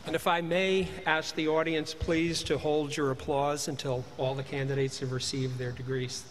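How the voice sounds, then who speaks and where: A man formally announcing graduates at a commencement, speaking at a podium microphone and reading names in a measured, deliberate way. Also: on the high side, flat delivery, a little hiss or hum. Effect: speaking into a podium microphone in a large hall. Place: large ceremony hall. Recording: reverberant hall, faint ambience.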